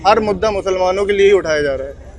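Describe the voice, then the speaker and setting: A high-voiced man talks fast while insisting on his view during a street interview. He's outdoors on a city street with traffic in the background.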